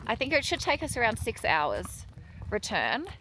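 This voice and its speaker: Chatty young woman with lively pitch. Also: normal speed, a little hiss or hum. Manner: chatty, bubbly, laughs often. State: out of breath from altitude. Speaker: travel vlogger. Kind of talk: casual vlog narration. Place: outdoors on a mountain horse trek, then indoors.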